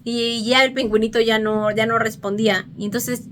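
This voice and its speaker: A woman tells a movie's story in a relaxed, chatty way, with a voice sitting a bit high for a woman. She acts out the characters' lines as she goes and often pauses on fillers and restarts. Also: slight background noise. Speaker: vlogger. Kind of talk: casual storytelling, retelling a film plot.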